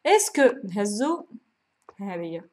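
A woman's voice: medium pitch, big pitch swings, slow, darkish tone. A woman lecturer with an Algerian Arabic accent, walking through a programming procedure, mixing in French terms and asking and answering her own questions.

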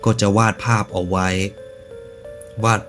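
Speaking slowly in a fairly bright tone, a YouTube reaction host comments loosely in slang, with jokey asides and spells of narration, while faint music plays behind him.

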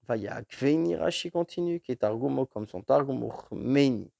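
A man teaching a verse-by-verse text study, reading each Hebrew phrase and then slowly translating it into French, with frequent restarts. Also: mid-range voice, expressive, vocal fry, warm tone, dry recording. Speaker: Torah teacher.

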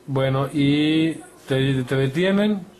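A woman's voice: extremely low pitch, slow, darkish tone. A woman reporter, asking short questions and murmuring along as the others talk. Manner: brief questions, frequent backchannel murmurs. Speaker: interviewer, reporter.

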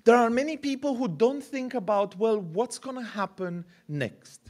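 Speaking at a moderate pace in a very high-pitched voice, this thirtysomething pastor preaches at a podium mic. He is animated and gestures, frequently repeating words to drive a point home. The setting is a church hall with a curtained stage.

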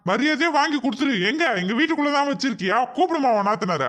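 A man's voice: very high-pitched, lively intonation, very fast, fairly bright tone. A man voicing a pushy village milkman who scolds and demands his money in a cartoon. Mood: demanding. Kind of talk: cartoon voice acting.

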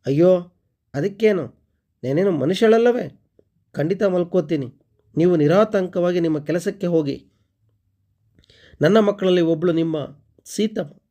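A man voicing a kindly older neighbour woman in a spoken story, with a warm, reassuring manner. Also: high-pitched, moderate pace, long pauses, natural voice.

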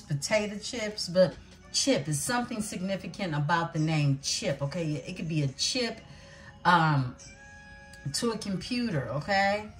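A woman giving a tarot reading, calling out names and signs in an unhurried way and calling her viewers beautiful ones. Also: mid-range voice, a bit bright. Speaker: tarot reader.

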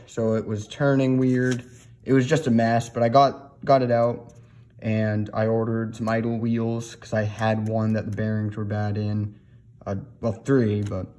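A man's voice: medium pitch, warm tone. A young man narrating a casual, rambling how-to while working on a machine in an indoor garage, recorded on a handheld phone. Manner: rambling, offhand, with many fillers. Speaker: snowmobile DIY vlogger.

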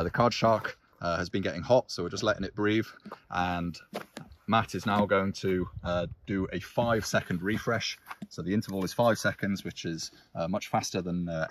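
On a woodland bike trail, a product demonstrator gives a live tech demo on an action camera, his low voice bright and forceful. Outdoor noise and clicks come through in the recording.

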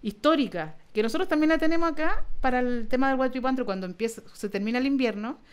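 A woman with a Chilean Spanish accent, hosting a casual chat and explaining things in an animated, irreverent way full of slang. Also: high voice, quick pace, clear, resonant tone. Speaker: podcast host.

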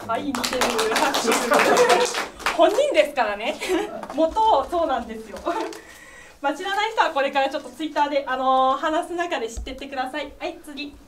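Bubbly high-voiced young woman on stage. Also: expressive, normal speed, noisy background. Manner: chatty, bubbly, laughs often. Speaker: idol singer doing stage talk. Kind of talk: live stage MC chat. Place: small live studio stage. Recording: distant live-room sound with faint ambience.

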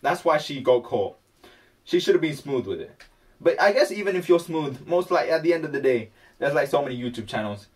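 A man's voice: a little high, lively intonation, a little fast, distant mic, a little hiss or hum. A man vlogging casually while he paints, rambling and talking to himself.

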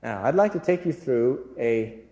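A man's voice: medium pitch, animated, normal speed, dark tone. A man giving an earnest inspirational church talk, telling stories and speaking directly to his audience. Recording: echoey hall with long reverb.

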